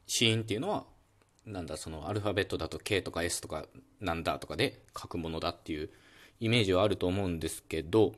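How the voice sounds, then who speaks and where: Low-voiced man calmly explaining phonetics. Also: quick pace. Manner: relaxed and explanatory, many fillers, demonstrates sounds aloud. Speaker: podcast host explaining phonetics. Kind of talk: calm solo educational talk.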